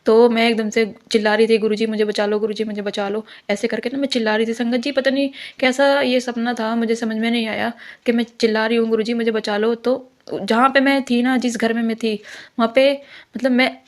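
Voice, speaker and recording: A woman's voice: on the high side, fairly even intonation, brisk. A young woman giving an earnest devotional testimony, rambling with many restarts.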